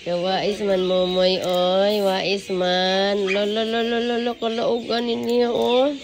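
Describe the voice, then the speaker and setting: Woman vlogger, slow-talking and gravelly, cooing at animals, noisy outdoor phone recording with birds behind. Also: mid-range voice, little pitch movement. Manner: cooing, baby-talks to the animals. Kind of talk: casual zoo-visit vlog commentary. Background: birds, roosters and outdoor ambience.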